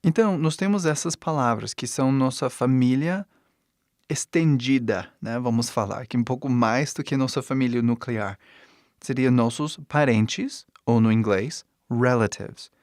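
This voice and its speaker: A man in his forties teaches an online language lesson, his first language being English. He explains patiently, repeats key words slowly and keeps checking in with quick tag questions. His voice sits at an ordinary middle pitch, recorded close and dry with no room sound. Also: a little mellow, no echo.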